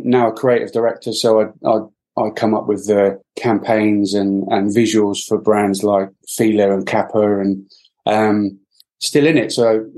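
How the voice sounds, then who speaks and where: This fairly low, darkish male voice comes through a low-quality recording. He's a middle-aged podcast guest from Wales, musing reflectively in an interview with lots of fillers and false starts.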